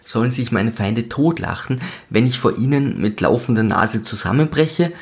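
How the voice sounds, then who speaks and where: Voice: mid-range voice, expressive, moderate pace, gravelly. A narrator telling a fantasy audio story in first person, voicing the main character in a dry, sarcastic way.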